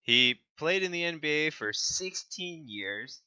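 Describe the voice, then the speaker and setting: A young man talks sports in an unhurried, easygoing way, sometimes tripping over his words. His voice is very bright and sharp, and the recording sounds dull and lo-fi. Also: on the high side, animated, clean tone. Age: young adult. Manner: reads stats with stumbles and laughs. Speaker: podcast co-host. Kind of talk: casual sports chat.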